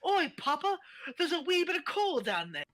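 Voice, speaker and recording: Man putting on a high squeaky Scottish kid, eager, loud, bright. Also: sing-song, normal speed, heavily acted. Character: young Scottish boy coal miner, eager.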